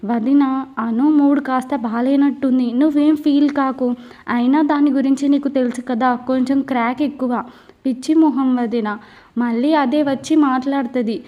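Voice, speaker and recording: A woman voicing a young woman gently reassuring her sister-in-law in an audio story. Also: high-pitched, fairly even intonation, moderate pace, lo-fi sound, close to an everyday voice. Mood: soothing.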